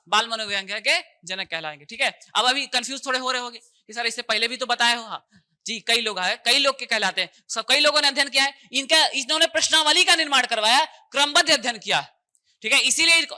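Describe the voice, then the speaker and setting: A man's voice: extremely high pitch, pushed and bright. A man teaching an exam coaching class, chatty and repetitive, quizzing students with call-and-response questions.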